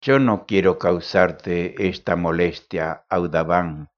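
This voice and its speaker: A man voicing a gentle, compassionate young woman who speaks softly and formally. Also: deep voice, fairly even intonation, slow. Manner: soft, pleading formal speech. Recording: dull lo-fi recording.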